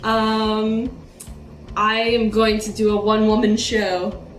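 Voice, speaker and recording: A woman's voice: mid-range voice, level tone, takes it slowly. A woman co-hosting with casual comic storytelling, giggly and self-deprecating. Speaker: co-host. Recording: roomy echo with music.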